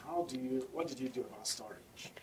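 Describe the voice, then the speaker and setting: A man's voice: medium pitch, fairly quick, darkish tone. A man hosting a radio call-in talk show, pressing his guest with repeated questions. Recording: distant mic with faint background noise.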